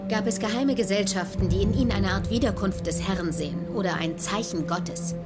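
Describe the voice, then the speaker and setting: A serious woman played by an actress lays out an ancient secret in a film trailer. Her delivery is grave and measured, with mid-pitched tone under loud, dramatic music. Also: lightly acted. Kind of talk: dubbed film trailer exposition.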